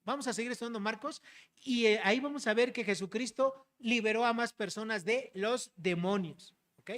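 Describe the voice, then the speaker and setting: A pastor gives an expository sermon, explaining verses and calling his listeners brothers and sisters. He's direct, using frequent rhetorical questions and a checking tag after key points, in a middle-pitched, fairly bright voice at a moderate pace.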